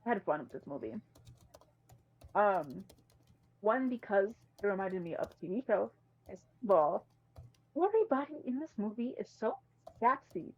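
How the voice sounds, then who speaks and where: Reviewing a film on a podcast she co-hosts, a woman talks casually with emphatic slang. Her medium-pitched voice is very animated at a moderate pace with long pauses, and the dry mic sounds slightly muffled.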